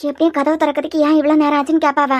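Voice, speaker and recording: A fairly high-voiced cartoon young woman with a Kanyakumari Tamil accent coaxes and explains in an earnest way. She is protective and secretive, as a woman voices her. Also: flat delivery, racing, no echo, lightly acted. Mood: coaxing. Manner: coaxing, earnest.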